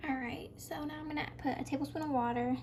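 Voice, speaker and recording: A woman's voice: high voice, fairly even intonation, quick pace. A young woman casually narrating a cooking tutorial in her home kitchen, chatty and talking through each step aloud. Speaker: cooking vlogger. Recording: noisy home recording.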